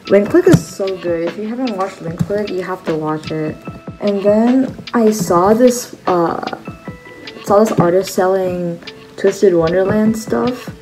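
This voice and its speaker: A woman's voice: medium pitch, unhurried, rough recording. A teenage girl chatting casually at home about her merch haul, with lots of fillers. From China. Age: teens. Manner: chatty, many likes and fillers. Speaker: vlogger. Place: bedroom at a table indoors. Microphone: phone camera at close range. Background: background music.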